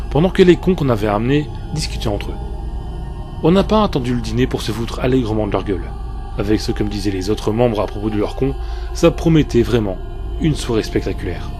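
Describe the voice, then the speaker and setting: A man reads a scripted first-person creepypasta as a narrator, with soft music behind him. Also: medium pitch. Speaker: horror story narrator. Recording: faint music bed behind the voice. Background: soft background music.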